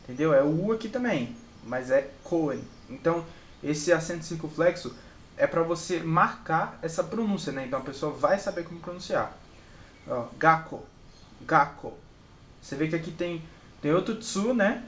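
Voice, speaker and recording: A man's voice: fairly high pitch, animated, moderate pace, fairly bright tone. Brazilian man explaining in an echoey room. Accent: Brazilian Portuguese. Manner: repeats example words and checks in with "entendeu?". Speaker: channel host and Japanese learner. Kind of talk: casual study walkthrough. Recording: echoey room with faint background noise.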